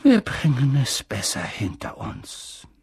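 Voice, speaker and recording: A wise, elderly wizard who speaks in a measured, gentle and unhurried way, as a narrator puts him on. The voice is gravelly and husky, and it is recorded dry and close. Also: male voice, mid-range voice, huge pitch swings, dry recording, exaggerated voice. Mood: calm. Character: wise calm elderly male wizard headmaster. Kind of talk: audiobook character voice.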